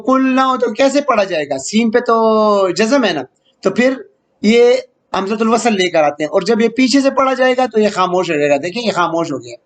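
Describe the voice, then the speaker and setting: A man with a high voice delivers an online grammar lesson. He explains slowly and patiently, repeating key words. He often stops to check that his students are following. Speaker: Arabic grammar teacher.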